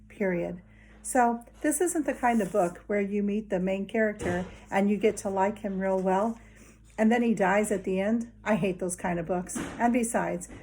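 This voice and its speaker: In a mid-range voice that's a little mellow and slightly rough, a woman reads a children's novel aloud, telling the first-person story conversationally and in a friendly way to young listeners.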